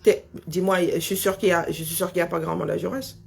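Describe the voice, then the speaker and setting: A woman with a lisp that makes her s sounds slushy, chatting casually and haltingly, often repeating words as she thinks. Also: lowish voice, fairly even intonation, a little hiss or hum. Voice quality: husky, creaky voice. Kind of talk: casual chat, talking to herself and on a phone call.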